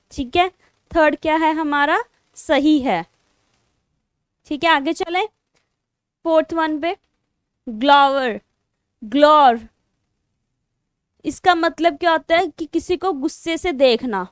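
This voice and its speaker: A woman's voice: sits high, no room sound, studio quality. A woman with an Indian accent teaching English spelling online, spelling words out letter by letter and mixing Hindi with English. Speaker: English teacher for exam prep.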